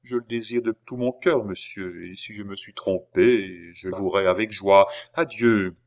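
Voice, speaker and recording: Guy reading as a stern old-school doctor, calm and solemn, lowish voice. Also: close to an everyday voice. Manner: measured and solemn. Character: grave, stern middle-aged doctor. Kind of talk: audiobook reading.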